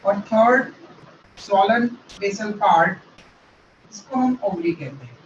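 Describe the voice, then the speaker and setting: High-voiced male teacher in a roomy class. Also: takes it slowly, a little hiss or hum. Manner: explains step by step, checking with "ok?"; mixes Hindi with English terms. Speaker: biology teacher. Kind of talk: classroom lecture. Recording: roomy, distant, dull sound.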